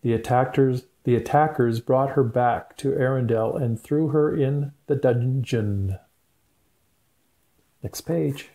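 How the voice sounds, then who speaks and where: An older man with a grandpa voice reading a picture book aloud and pausing to point things out to a child. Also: medium pitch, mellow. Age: 60s or older. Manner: grandpa voice, slow and deliberate with pauses to point things out. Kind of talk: storybook read-aloud with asides to a child.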